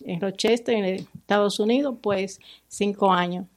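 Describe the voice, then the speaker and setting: A woman's voice: medium pitch, measured pace. A woman from the Dominican Republic with a Dominican accent, answering interview questions formally and hesitantly, with many fillers. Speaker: guest, community worker.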